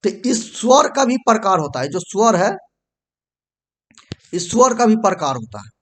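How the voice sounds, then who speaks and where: Speaking high with big swings in pitch and a slightly bright tone, a male teacher explains grammar at a whiteboard. He repeats himself, checks in often with "ठीक है," and stops to fix mistakes by erasing what he wrote.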